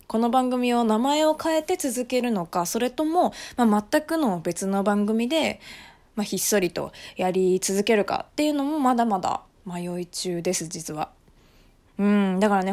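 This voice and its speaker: A young woman hosting her own podcast, chatting casually on her own with frequent laughs and soft fillers. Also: medium pitch. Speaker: podcast host. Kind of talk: casual solo podcast chat.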